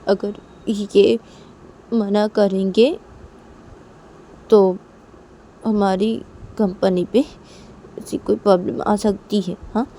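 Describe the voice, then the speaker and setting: A woman voicing a tearful young woman who gives in to her sister, her voice pleading and raised higher. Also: fairly even intonation, extremely slow, pauses often, dark tone, slight background noise.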